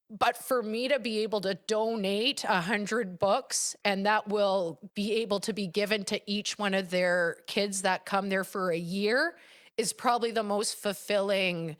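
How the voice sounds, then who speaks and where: A woman, a coach and children's author, talking in a casual, expressive way, often laughing and getting emotional. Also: medium pitch. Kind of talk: casual conversational interview.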